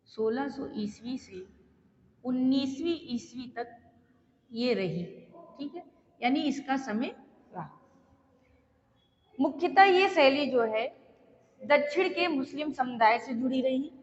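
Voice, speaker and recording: Higher-voiced woman dictating a lecture. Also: big-room sound, lo-fi sound, slight background noise. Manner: slow, repetitive dictation with frequent checks. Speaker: teacher. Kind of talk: exam-prep art history lecture.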